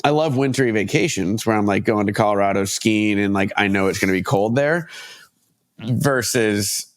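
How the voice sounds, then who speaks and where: A man's voice: on the low side, moderate pace. A man in his thirties, a photographer guest on a podcast, chatting casually and rambling with many restarts, his voice stuffed up from allergies. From United States. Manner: rambling, self-correcting, laughs easily. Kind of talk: casual interview chat.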